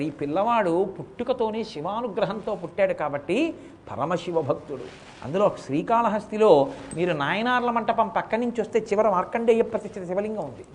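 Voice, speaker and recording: Male preacher, high voice, animated storytelling with slow chanted verse. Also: a little hiss or hum. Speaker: religious discourse speaker. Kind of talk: sermon storytelling.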